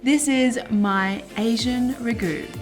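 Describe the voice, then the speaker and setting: A woman's voice: fairly high pitch, slow, loud music behind the voice. A woman hosting a casual cooking demonstration in a kitchen, chatty and playful, laughing at herself as she talks. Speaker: cooking show host.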